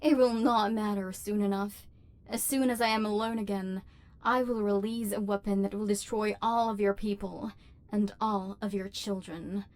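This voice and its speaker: In this ASMR roleplay, a woman gives a dramatic monologue as an imperious female robot overlord who scorns humans while hiding her loneliness. Her formal, mechanical phrasing carries a haughty, threatening mood. She uses her natural voice, which is mid-range, steady, and a little mellow, at a moderate pace.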